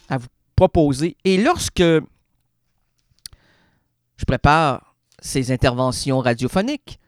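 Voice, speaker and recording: A man's voice: fairly high pitch, no room sound. A man with a Québécois accent, a radio columnist delivering a rambling, theatrical, absurdist comedic monologue in a studio. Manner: theatrical, rambling, playful wordplay.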